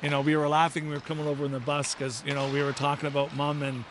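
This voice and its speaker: A man's voice: on the high side, little pitch movement, fast talker, background noise. A middle-aged man from a first-generation Irish family, chatting casually as an interview guest in a rambling way, full of "you know" and restarts. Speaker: interview guest, player's father.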